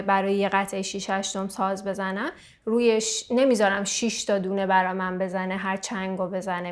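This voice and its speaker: A woman in the middle of a santur lesson, explaining time signatures in a patient, step-by-step way. She counts beats out loud and sings note names as she plays along. Her voice sits in an ordinary middle range. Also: mid-range voice. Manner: patient, explanatory, with fillers and restarts. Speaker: santur teacher.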